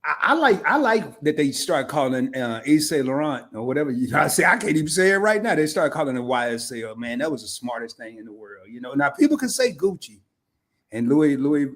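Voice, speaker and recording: Playful man with a lively voice. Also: a little high, fairly quick. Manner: playful, joking, stumbles and restarts. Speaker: podcast co-host. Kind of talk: casual chat.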